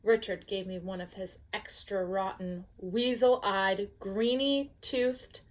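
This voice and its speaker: A woman reading a picture book aloud as a bedtime story, pausing to ask the listener questions. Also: mid-range voice. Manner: slow, gently expressive reading with questions to the listener.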